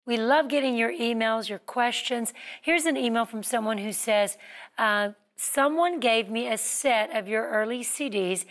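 A woman's voice: a little high, unhurried. A woman co-hosting a talk show, reading a viewer's email aloud and chatting about it. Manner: conversational, reads aloud. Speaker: co-host.

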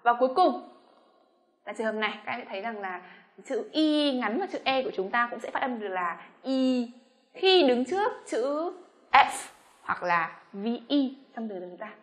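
A Vietnamese woman teaching English pronunciation, speaking slowly on her model words between quicker explanations. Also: fairly high pitch, expressive. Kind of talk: pronunciation lesson.

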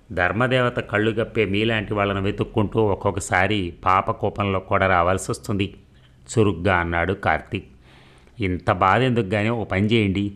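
A man's voice: fairly low pitch, fairly bright tone. A man reading a novel aloud, narrating and voicing every part with small shifts in his voice and a few slips and restarts. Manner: reads dialogue with light voice changes, some slips and restarts. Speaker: novel reader. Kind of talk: audiobook narration of a novel, voicing all parts.

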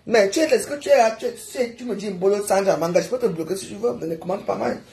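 A woman's voice: medium pitch, mellow, reverberant. Scolding woman ranting on a live stream. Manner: scolding, rapid rhetorical questions. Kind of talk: heated live-stream rant.

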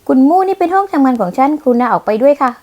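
A woman voicing a feisty, sharp-tongued young woman executive who snaps back indignantly, in a manga dub. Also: sits high, very animated, racing, highs cut off, voice pushed up. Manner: snappy, indignant.

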